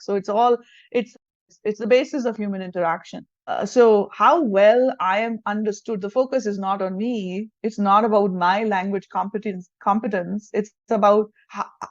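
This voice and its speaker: A self-leadership coach from India appears as a guest in a conversational interview, speaking in Hindi earnestly and reflectively, rephrasing as she thinks. Her middle-pitched voice sounds dull and dry in a lo-fi recording with no room sound.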